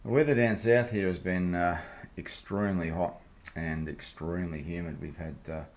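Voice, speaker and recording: Low-voiced Australian man in a workshop. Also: fairly even intonation, moderate pace. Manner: laid-back, blokey, informal. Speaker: host of a machining project video series. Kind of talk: casual hands-on workshop vlog, explaining the job. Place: home workshop.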